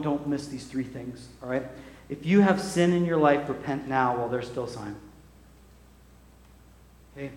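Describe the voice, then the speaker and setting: A middle-aged man preaching a sermon as a pastor. He tells a lively story full of small acted asides, then leads a quiet, soft-spoken prayer. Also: mid-range voice. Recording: roomy hall with faint ambience.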